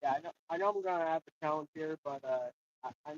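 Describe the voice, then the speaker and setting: A man answering interview questions with many halting fillers, his voice muffled and far away, as if heard through a wall. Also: no room sound. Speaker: tournament competitor. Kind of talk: post-match style interview answer. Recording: muffled, dull, low-quality mic.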